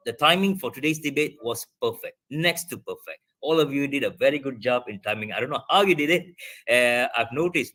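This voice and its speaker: A man's voice: mid-range voice, pushed and bright. A man speaking over a video call as a debate judge, giving loose, filler-heavy feedback to students. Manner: rambling, many fillers and restarts. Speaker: debate adjudicator.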